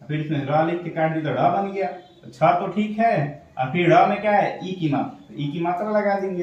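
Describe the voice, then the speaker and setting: Male shorthand teacher, fairly high voice, patient question-and-answer manner, echoey room, mic far off. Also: darkish tone, dull audio. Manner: explains patiently, asks questions and answers them himself. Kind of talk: step-by-step tutorial explanation.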